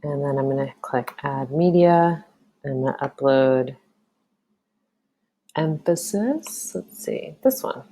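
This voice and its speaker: A woman teacher narrates a screen-recorded tutorial in a relaxed, thinking-aloud way, full of ums. Her voice sits extremely low with a rough, gravelly edge. She takes her time, speaking at an unhurried pace.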